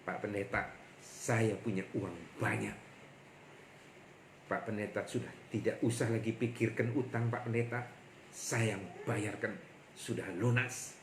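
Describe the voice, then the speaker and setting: A man's voice: lowish voice, fairly even intonation, unhurried, pauses often, slight background noise. A man voicing a male bank director, curt and commanding when throwing someone out, then humble. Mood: gentle. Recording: echoey room with faint ambience.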